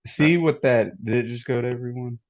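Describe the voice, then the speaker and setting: A man's voice: mid-range voice, a little fast, darkish tone, no echo, lo-fi sound. A man joining a podcast as a guest over a video call, making dry, offhand remarks in casual chat.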